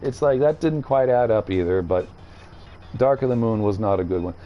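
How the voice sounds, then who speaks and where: A man streaming and chatting casually, rambling and animated, often slipping into mocking voices. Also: medium pitch, normal speed, highs cut off. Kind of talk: casual chat while gaming.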